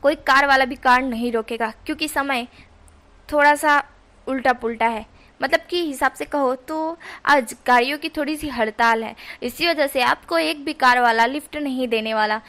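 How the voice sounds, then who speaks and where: A woman's voice: high-pitched, moderate pace, a bit bright. A woman doing a coaxing, caring young man. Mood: reassuring. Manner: coaxing, chatty, reassuring.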